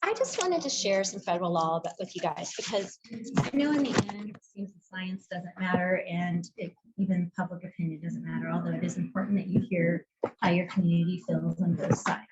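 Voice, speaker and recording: A woman's voice: lowish voice, a little fast, a little mellow, slight background noise. A woman, a parent, calling in to a school board meeting to give public comment; her call keeps cutting in and out, and she talks earnestly with many fillers and self-corrections. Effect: call audio breaking up, cutting in and out. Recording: muffled phone call that cuts in and out.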